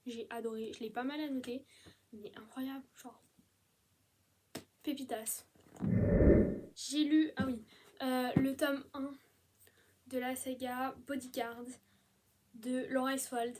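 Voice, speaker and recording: A young woman chatting casually about the books she read, gushing with enthusiasm and filling pauses with "euh". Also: high-pitched, fairly even intonation, noisy background. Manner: enthusiastic, gushing, many fillers. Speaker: book vlogger. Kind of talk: casual book review chat.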